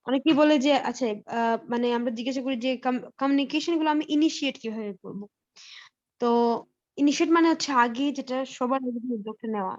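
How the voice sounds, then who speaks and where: High-voiced woman teaching a live class. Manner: mixes English phrases into explanations, many fillers. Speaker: English teacher. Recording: slightly dull lo-fi audio.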